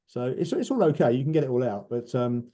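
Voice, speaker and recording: Very dark-voiced, fast-talking man. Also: mid-range voice, big pitch swings. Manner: informal, explains step by step. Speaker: car specialist answering questions. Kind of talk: casual technical chat.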